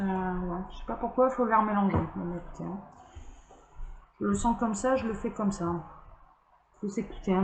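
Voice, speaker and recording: A woman's voice: mid-range voice, darkish tone. Chatty woman reading tarot in an echoey room. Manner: chatty and rambling, with frequent fillers and little laughs. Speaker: tarot card reader. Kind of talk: casual tarot reading to camera. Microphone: camera mic. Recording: roomy echo, faint background hiss.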